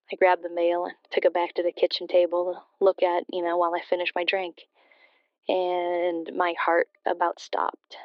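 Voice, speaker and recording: A radio drama features an actress as a grieving, hesitant daughter ringing a late-night show and confessing her story in a subdued way. Her natural voice sits on the low side, with smooth, clean tone and even intonation, and there is no room sound. It comes through as a muffled, band-limited, slightly dull phone-in.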